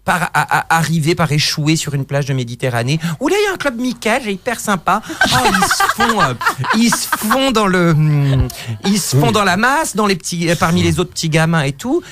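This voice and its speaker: A man on a comedy podcast, telling a joke in a chatty, halting way and laughing easily. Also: sits high, sing-song, fairly bright tone, slight background noise. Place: podcast studio.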